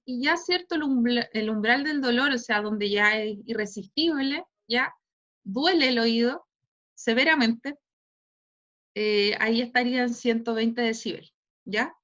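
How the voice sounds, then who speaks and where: A woman's voice: a little high, a bit bright. A woman teacher with a Chilean Spanish accent lecturing an online class, ending nearly every phrase with a questioning tag. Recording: dull lo-fi online class audio.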